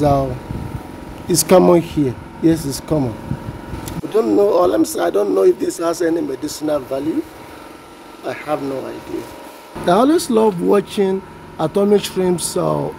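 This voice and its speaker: A Yoruba-speaking man with a Nigerian accent, vlogging outside, narrates a casual tour of weeds in his backyard, slowly sounding out plant names and poking fun at himself. His voice is a little high and gravelly. The handheld phone he films with from off-screen also picks up a running generator.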